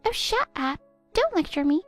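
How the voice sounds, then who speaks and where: A woman's voice: extremely high pitch, very animated, normal speed, a bit bright, faint music behind, heavily acted. A woman voicing a spiteful stepdaughter in her twenties who sneers and cuts down her stepmother. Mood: scornful. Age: 20s. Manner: sneering, cutting, contemptuous. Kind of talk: text-story voice acting.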